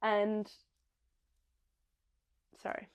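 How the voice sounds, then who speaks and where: Very slowly, a young Australian woman rambles through a casual podcast chat she hosts, peppered with ums and minor restarts. The audio has its high frequencies cut off.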